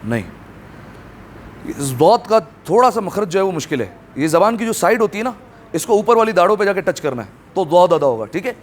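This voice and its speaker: A man teaching tajweed pronunciation to a class, slowly stretching out Arabic sounds for students to repeat and then explaining quickly. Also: high voice, very animated. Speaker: Quran recitation teacher.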